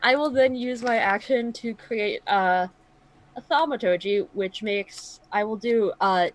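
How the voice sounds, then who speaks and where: A woman's voice: medium pitch, a little slow. Casting: female tabletop gamer, mid-range voice, chatty, works out her moves aloud in casual narration. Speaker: tabletop game player. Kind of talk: casual game chat and narration.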